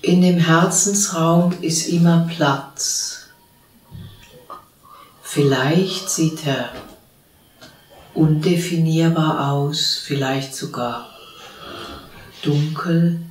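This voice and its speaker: A woman, a spiritual teacher, gently guiding a seated group through a meditation with calm, unhurried instructions. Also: deep voice, slight background noise. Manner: slow, calm spoken instructions with long pauses. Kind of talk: guided meditation. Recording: roomy sound from a distant mic.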